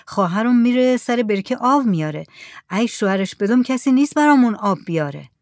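A woman's voice: fairly high pitch, expressive, dry recording, studio quality. A woman reading aloud, voicing a fisherman who is hesitant and polite.

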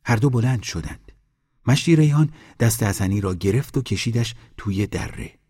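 A male storyteller reads a folk tale aloud in a steady, measured way. His voice sits somewhat low and carries a husky, breathy grain. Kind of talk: scripted narration of a folk tale.

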